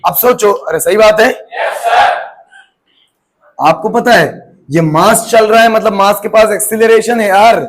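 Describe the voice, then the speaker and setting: Male physics teacher, high voice, teasing classroom banter. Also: a little slow, pauses often, some chatter behind. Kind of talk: joking classroom lecture.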